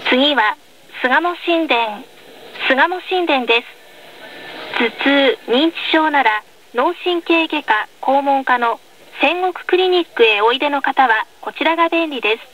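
The tram's recorded onboard announcement features a woman whose high, fairly bright voice is expressive and measured. She reads the script courteously, enunciating with care. The field recording of the speaker is noisy, with tram running sounds throughout.

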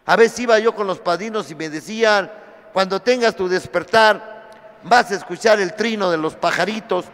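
A man's voice: sits high, moderate pace, a bit bright. A man with a Mexican Spanish accent sharing his testimony at a recovery meeting, telling vivid, profane stories with rhetorical questions. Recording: long hall reverb.

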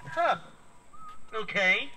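Goofy male robot sidekick, voiced by a man, high-pitched, piercingly bright, literal-minded jokes. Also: big pitch swings, drawn-out words, a little hiss or hum, exaggerated voice, poor audio. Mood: puzzled, jokey. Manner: jokey, takes words literally. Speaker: puppet robot co-presenter. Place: library event room before children.

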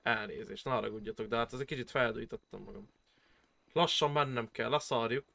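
A man streaming a role-play game, excitable and loud, swearing constantly. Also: mid-range voice, creaky.

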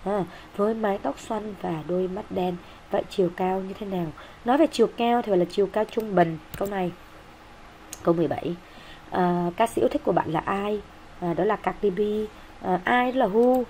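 A woman teacher walking through exam answers in a brisk, explanatory way, with many fillers and an occasional cough. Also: mid-range voice, mellow, a little hiss or hum. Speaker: English teacher.

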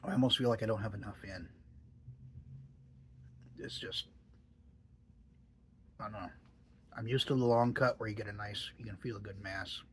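A man's voice: lowish voice, steady tone, normal speed, long pauses, a bit bright. Musing, hesitant man with faint hiss. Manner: musing, hesitant, dry joking. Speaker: tobacco reviewer. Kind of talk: casual vlog chat.

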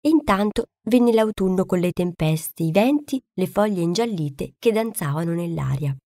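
A woman from Italy tells a classic fairy tale for children, her pitch rising and falling with the story. She is recorded close with no room sound. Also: normal speed, no echo. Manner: expressive, gentle storytelling.

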